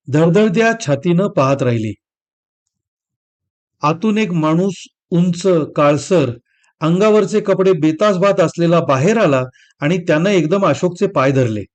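A man reads a short story aloud as an expressive audiobook narration. His voice sits high for a man, and he carries the scenes with steady storytelling. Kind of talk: scripted narration.

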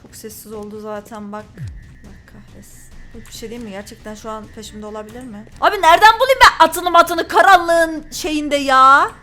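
High bright lady doing horror game commentary, easily spooked, chats to her viewers, faint music under it. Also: moderate pace. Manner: jumpy, talks to viewers, reads in-game notes aloud. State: frightened. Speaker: gaming channel host.

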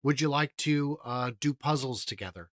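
A man's voice: medium pitch, moderate pace, fairly bright tone, no room sound, studio quality. A man in his thirties, a guest on a video-call interview, speaking eagerly and upbeat into a headset. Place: indoor room.

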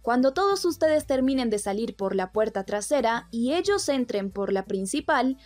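A woman's voice: on the high side, big pitch swings, normal speed, darkish tone, dry recording, faint music behind. A woman voicing a stern male ex-captain who gives curt orders, read out plainly in a dry voice. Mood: commanding.

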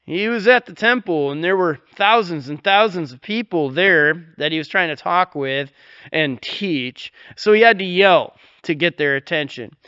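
A man's voice: a little high, bright, forceful tone, smooth, dry recording, lo-fi sound. A man preaching a sermon as pastor, earnest and folksy, with many fillers and repeated starts, and he rises sharply when he quotes scripture.

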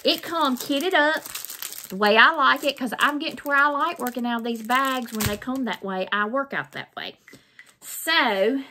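Her voice sits high, bright and forceful, at a moderate pace: a middle-aged Mississippi craft vlogger with a Southern accent doing a casual unboxing of craft supplies. She rambles folksily and says things more than once, in a small, plain room full of noise and crinkling plastic.

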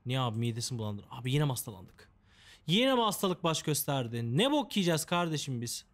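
A man's voice: medium pitch, sing-song, fairly quick. A man giving casual, joking commentary while playing a game, chatting to the characters and complaining in a mock-dramatic way. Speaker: gameplay commentator. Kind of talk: casual let's-play commentary.

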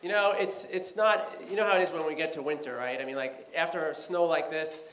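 A man's voice: fairly high pitch, brisk, fairly bright tone. A man in his thirties doing a chatty, rambling stand-up set in a comedy club, full of "you know" and "like". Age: 30s. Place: comedy club stage with live audience. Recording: roomy club with crowd noise.

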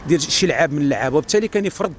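A man's voice: on the high side, lively intonation, a little hiss or hum. A man with a Moroccan accent arguing his view in a street interview, insistent. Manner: argumentative, fast, insistent. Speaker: fan giving street opinion. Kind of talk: street vox pop interview.

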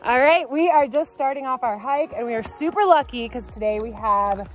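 A young woman vlogging on a mountain hike, excitable and quick to laugh, filming herself on a phone held at arm's length. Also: high voice, faint music behind. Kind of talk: casual vlog chat. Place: outdoors on a mountain trail.

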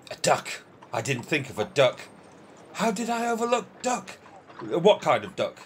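In an amateur radio play, a man portrays a peevish, competitive older gentleman whose manner is deliberate, emphatic and quick to exasperation. His voice is slightly high with big pitch swings, there is a little background noise, and the mood is pondering.

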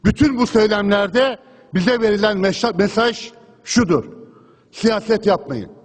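A high-pitched, animated man, a member of parliament, speaks at a measured pace into the rostrum microphone of the chamber. His passionate oratory circles back to the same refrain again and again, and he pushes past interruptions, with the big room's long reverb trailing behind.

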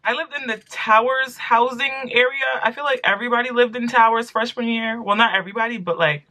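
Bright, gossipy young American woman storyteller. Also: a little high, fairly even intonation, a little fast, rough recording. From New York City, United States. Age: 20s. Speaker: vlogger. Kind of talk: casual chatty storytime to camera. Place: small room indoors at home.

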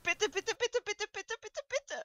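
A woman's voice: extremely high pitch, unhurried, sharp tone, heavily acted. A woman voicing a pushy, snippy young female alicorn pony in a fan audio drama, talking bluntly and teasingly. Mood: pleading. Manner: blunt and cheeky, teasing and mocking.

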